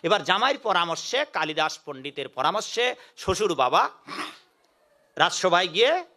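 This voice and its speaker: A man's voice: high-pitched, moderate pace. A man giving a devotional sermon, telling a folk tale and acting out its voices. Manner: animated, acts out story voices.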